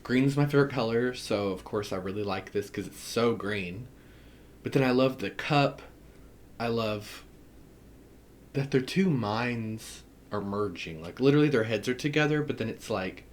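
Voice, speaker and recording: A tarot reader with a Southern US accent chats enthusiastically while unboxing a tarot deck, laughing often in a casual way. His mid-range voice moves a little slowly, and there is a little hiss or hum on the recording.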